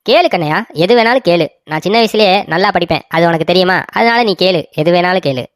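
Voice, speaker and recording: A proud old village man from a cartoon story whines and brags in quick bursts, repeating his points over and over, as a woman puts him on. The sound is dry and close to the mic. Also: lowish voice, expressive, no echo, natural voice. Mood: boastful. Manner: whiny and boastful, repeats himself.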